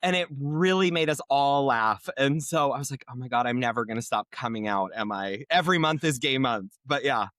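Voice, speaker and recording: A man from Nebraska co-hosts a podcast, telling funny family stories in a casual, giggly chat. He's an animated storyteller whose voice jumps high when he gets excited, speaking briskly with hardly any pauses. The studio sound is clean, with no echo.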